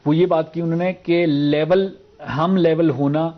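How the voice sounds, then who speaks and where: A man's voice: on the high side, fairly even intonation, muffled recording. A man hosting a TV morning show, chatty and loose, reading viewers' names and leading into segments. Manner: chatty, with many fillers. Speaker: host. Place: TV studio.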